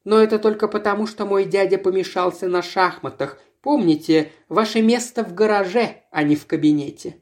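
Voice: medium pitch, moderate pace, hardly any pauses, lightly acted. A reader putting on a haughty young miss, raised and bossy. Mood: indignant. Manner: imperious, scolding. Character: haughty young woman, employer's niece, bossy and touchy.

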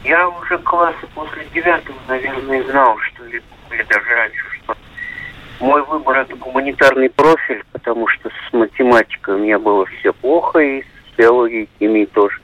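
A man calling in to a live radio show over a poor phone line that is muffled and hard to hear at first, talking unhurriedly and filling pauses. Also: medium pitch, a little hiss or hum. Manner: unhurried, fills pauses with a flat "well". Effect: poor phone line on air, muffled and hard to hear at first. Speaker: caller. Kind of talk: call-in chat on live radio. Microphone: telephone. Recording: dull, dry phone line.

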